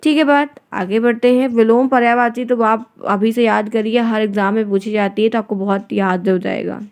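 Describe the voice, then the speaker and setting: A woman's voice: fairly high pitch, steady tone, moderate pace. A woman teacher explaining exam questions step by step and often checking in with her students. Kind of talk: exam-prep lesson.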